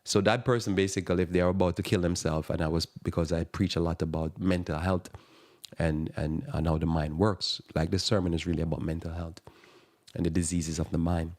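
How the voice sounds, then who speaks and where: A man's voice: low-pitched, little pitch movement, fairly quick, a little mellow. A man preaching a sermon-style radio talk in a thick accent. He rambles, restarts his words and chuckles at his own asides. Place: radio program.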